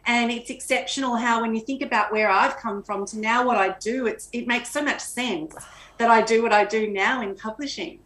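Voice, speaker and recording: A woman's voice: on the high side, moderate pace, a bit bright. A middle-aged woman, telling her life story earnestly as a guest on a video call from home. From Australia. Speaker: guest, magazine editor. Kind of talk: interview storytelling. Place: home room with flowers and shelves. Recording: echoey room.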